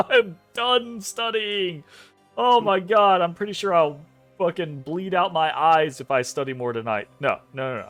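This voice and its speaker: A man's voice: a little high, fairly bright tone. A man voicing a weary young male wizard student who rambles and apologizes in a tabletop game.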